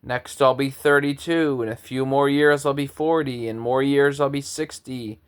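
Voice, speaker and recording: A man's voice: mid-range voice, fairly even intonation, moderate pace, clear, resonant tone. A man in his thirties, a composer, giving an earnest, lecturing, grandiose spoken monologue. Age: 30s.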